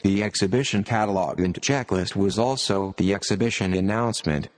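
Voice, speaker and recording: A computer-generated male voice like an old speech synthesizer, reading scripted narration with stiff, robotic, measured phrasing. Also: lowish voice, in a large hall. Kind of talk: scripted narration, read aloud.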